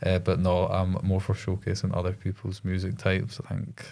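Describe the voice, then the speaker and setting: Low, mellow podcast host. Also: male voice, monotone, normal speed, creaky. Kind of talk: casual chat.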